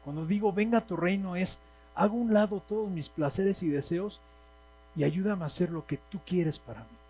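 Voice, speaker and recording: A man's voice: sits high, moderate pace, mellow, low-quality recording. A man with a Mexican Spanish accent preaching a sermon in a church, speaking emphatically and asking the congregation questions. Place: church hall.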